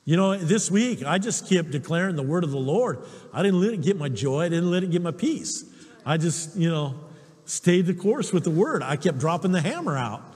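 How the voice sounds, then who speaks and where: A man, a pastor preaching a sermon, telling stories with animated, self-deprecating humor. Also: a little high, moderate pace, slightly rough, in a large hall.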